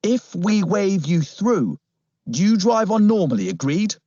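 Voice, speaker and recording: A man's voice: high voice, very animated, measured pace, dark tone, dry recording, pitched above the performer's own voice, full character voice. A man doing a raised-voice worried policeman. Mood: urgent. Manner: urgent, breathless when rattled. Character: gruff middle-aged male policeman, worried. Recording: slightly muffled, dry.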